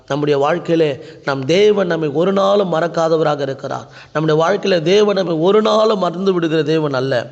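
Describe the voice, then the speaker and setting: A man's voice: on the high side, long reverb tail, lo-fi sound. A man preaching a sermon and praying as a pastor, with repetitive, pleading exhortation. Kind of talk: sermon and prayer.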